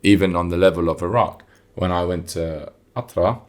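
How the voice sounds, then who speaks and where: Deep-voiced young London man. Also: steady tone, normal speed, darkish tone. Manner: informal, slangy, emphatic. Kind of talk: casual chat.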